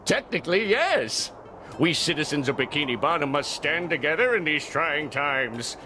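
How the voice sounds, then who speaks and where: A man's voice: on the high side, very animated, moderate pace, over music. A man playing a tiny, pompous, scheming plankton inventor in a cartoon game, with theatrical delivery.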